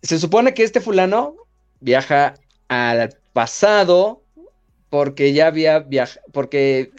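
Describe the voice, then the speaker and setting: A podcast host with a Mexican accent talks slowly in a fairly high voice, the highs cut off and soft music playing in the background. He's animated and full of jokes in casual chat, and he reads out listener comments.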